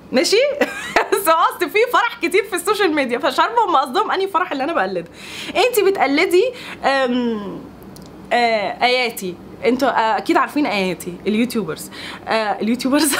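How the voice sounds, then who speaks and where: Young Egyptian woman vlogger, high bright voice, rapid animated chatter, faint hiss behind. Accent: Egyptian Arabic. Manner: animated, laughs often, exasperated. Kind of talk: casual Q&A vlog talk.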